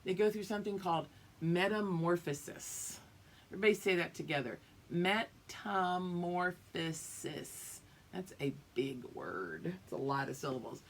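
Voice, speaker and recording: On the low side, with slight background noise, a female teacher reads aloud from a picture book for young students. Her delivery is expressive and unhurried, and she explains the story and checks in with the children as she goes.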